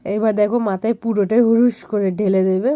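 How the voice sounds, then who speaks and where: A young woman with a Bengali accent and a voice hoarse from a cold, chatting through a casual vlog voice-over with lots of fillers. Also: mid-range voice, steady tone, brisk, dry recording, lo-fi sound. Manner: chatty, rambling, many fillers. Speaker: vlogger.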